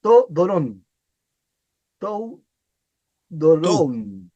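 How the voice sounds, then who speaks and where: A man, a student, reading Greek word forms aloud haltingly and carefully in class. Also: on the high side, big pitch swings, mellow, dull audio.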